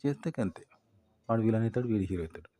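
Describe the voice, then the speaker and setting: A man's voice: on the low side, expressive, racing, dark tone. A man explaining ideas in a casual, rambling monologue, repeating his points through everyday examples. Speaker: YouTube commentator.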